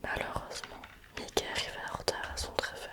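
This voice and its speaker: A woman reading a bedtime story in a hushed, soothing ASMR whisper, quiet as at night, gently addressing the listener as if a child. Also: a little fast.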